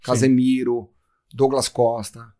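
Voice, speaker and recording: A Brazilian man, a podcast guest, telling a story in an animated way and acting out the voices of the people in it. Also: medium pitch, slow. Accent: Brazilian Portuguese. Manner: animated, acts out quoted voices. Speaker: guest, company director. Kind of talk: casual storytelling.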